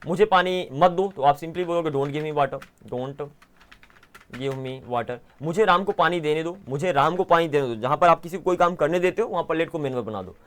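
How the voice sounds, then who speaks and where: A man with an Indian accent teaching English grammar in an online lesson, explaining step by step and slowing down to spell out each example sentence. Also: fairly high pitch. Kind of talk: online language lesson, Hindi mixed with English.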